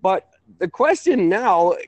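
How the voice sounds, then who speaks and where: Late-thirties male host, rambling and animated, close dry mic. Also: sits high, slow pace, dry recording. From Canada. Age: 30s. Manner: rambling, self-correcting. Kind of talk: casual call-in talk show.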